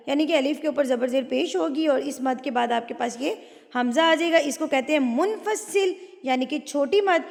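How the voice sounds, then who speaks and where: A woman teaching a Quran recitation lesson, explaining rules patiently and chanting words in long drawn-out tones. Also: high-pitched, gravelly. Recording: long hall reverb.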